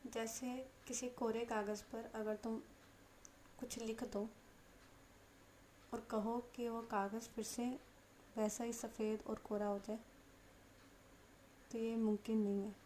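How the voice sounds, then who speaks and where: Woman reading as a serious, caring young woman, soft and earnest, storybook lover. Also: on the high side, steady tone, takes it slowly, pauses often, a little hiss or hum. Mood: sad earnest. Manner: earnest, softened.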